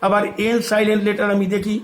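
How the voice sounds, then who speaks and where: A man gives a spoken English lesson in Bengali, teaching spelling in a high voice at a quick pace. He spells each word letter by letter, then repeats it in a steady classroom manner. The audio is poor, with a faint hiss and a few clicks behind him.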